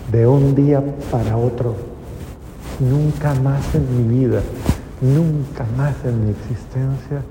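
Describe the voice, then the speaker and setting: A middle-aged man, a priest, giving an emotional testimony sermon that swings between pleading cries and hushed near-whispers. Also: medium pitch, steady tone, takes it slowly, noisy background. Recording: reverberant hall with faint ambience.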